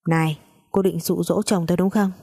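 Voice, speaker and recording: A woman's voice: fairly low pitch, steady tone, brisk, vocal fry, slightly rough. A woman doing a jealous hot-tempered young wife. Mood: angry. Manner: shouting, bitter.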